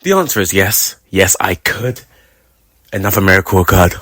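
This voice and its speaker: A British man vlogging about his writing in a casual, animated and jokey way, with sudden loud exclamations. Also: low-pitched, normal speed. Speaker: writer vlogger. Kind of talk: casual chat.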